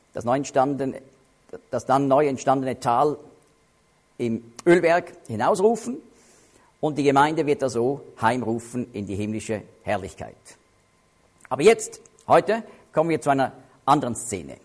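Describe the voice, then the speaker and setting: With a medium-pitched, unhurried voice, a man works through Bible passages like a sermon. He stresses key points expressively and emphatically by varying how fast and how loudly he speaks.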